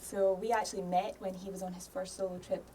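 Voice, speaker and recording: A Scottish woman in her thirties chats easily as a podcast guest in a studio, laughing often and tossing in "um" and "yeah." Her mid-range voice is dark-toned and fast, with little pitch movement. The recording has a little hiss or hum, and she sounds a bit distant from the mic.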